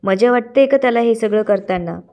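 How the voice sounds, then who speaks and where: A woman's voice: on the high side, normal speed, muffled recording, lightly acted. Sanika, a hurt young woman, read by a woman narrator. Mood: upset. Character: heartbroken young woman, pleading and angry.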